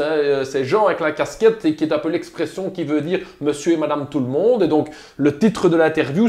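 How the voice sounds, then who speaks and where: A man's voice: high voice, a little mellow. Emphatic man with a Liège accent. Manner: emphatic, rhetorical questions. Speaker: politician. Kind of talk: video message to viewers. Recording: roomy echo.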